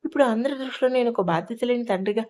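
A woman's voice: on the high side, racing, warm tone, close to an everyday voice. A woman reading the part of a middle-aged father who talks sorrowfully and with resignation about his failures.

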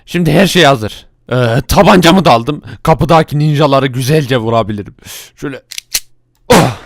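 A man's voice: mid-range voice, dry recording, studio quality, natural voice. A man voicing a brash, bossy male thief gang leader in a Minecraft role-play, ordering his crew around and snapping at them. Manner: bossy, quick-tempered, yelling at his crew.

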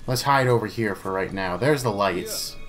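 A man's voice: lowish voice, normal speed, faint music behind. Chatty man narrating his gameplay. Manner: chatty, talks to himself and to game enemies; playful, jokey asides. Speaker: let's play gamer. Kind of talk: casual gameplay commentary.

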